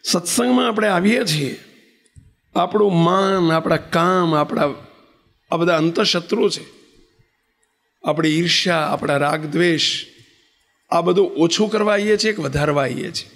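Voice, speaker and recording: Male spiritual leader, slightly high, gravelly voice, storytelling sermon with questions to the crowd. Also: measured pace, long pauses, a bit bright. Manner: asks the audience questions. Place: assembly hall with audience. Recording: long reverb in a large hall.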